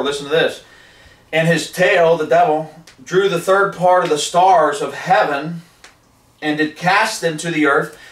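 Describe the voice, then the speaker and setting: A fervent male preacher with a rather high voice delivers a sermon in a living room. He is captured from a distance, so his voice sounds roomy and open. He reads scripture and drives his points home. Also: fairly bright tone. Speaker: street preacher. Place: living room with wood paneling. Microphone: far camera.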